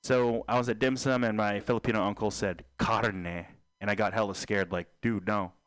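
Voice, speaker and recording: A young man hosting a casual podcast, talking in a deadpan, absurd joking way with trailing fillers. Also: on the low side, fast talker, smooth, no room sound. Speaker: podcast host.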